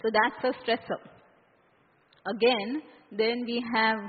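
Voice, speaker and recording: Female workshop trainer, Indian accent, higher-pitched husky voice, engages the group with frequent questions. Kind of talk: interactive seminar teaching. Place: large echoey indoor room. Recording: reverberant hall, muffled phone-like sound.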